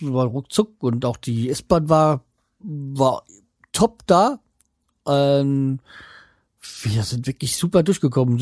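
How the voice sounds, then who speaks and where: He's a vlogger from the Hanau area with a medium-pitched, slightly mellow voice, recorded cleanly in studio conditions with no room sound. Chatting casually to viewers at home, he rambles, trails off, and restarts, using many fillers.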